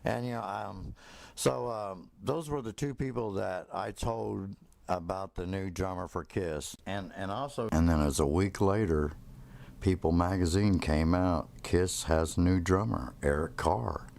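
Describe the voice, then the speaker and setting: A man's voice: sits low, measured pace, vocal fry, darkish tone. A middle-aged man casually telling rambling stories from his past, with lots of fillers and restarts. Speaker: storyteller. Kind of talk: casual spoken reminiscence.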